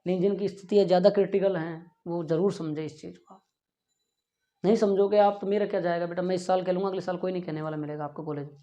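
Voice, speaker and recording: Fast and mellow, with a steady tone, a male physics teacher's high-pitched voice delivers a lecture and an earnest, pleading talk to students. He keeps asking if they follow and saying "yaar" in a classroom with a board, captured on dull lo-fi audio.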